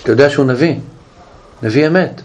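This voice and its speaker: A man's voice: mid-range voice, slight background noise. A man teaching a Bible study class, explaining with questions and frequent restarts. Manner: questioning, animated, with many restarts.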